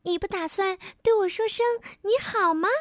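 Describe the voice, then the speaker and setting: A woman voicing a small, mischievous fairy in a children's bedtime story, with a high, teasing, chirpy voice. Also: normal speed, no room sound, studio quality.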